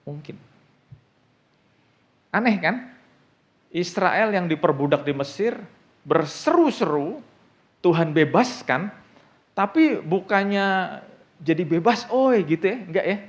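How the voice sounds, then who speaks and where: A man preaching a sermon in an animated way, often asking the congregation rhetorical questions, with an Indonesian accent. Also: high voice, slow, long pauses. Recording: dull lo-fi sound.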